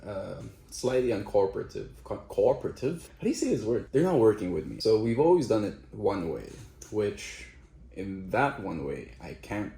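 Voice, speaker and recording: A man's voice: on the low side, creaky, warm tone. Man, casual frank vlog talk, echoey room, faint background noise. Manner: offhand and frank, swears casually. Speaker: vlogger. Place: room in a quarantine center.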